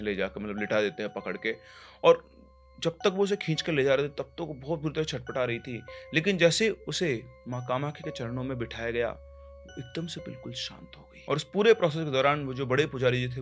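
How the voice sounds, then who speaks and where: A man's voice: mid-range voice, a bit bright. Man telling a horror story casually. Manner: conversational, explaining with restarts.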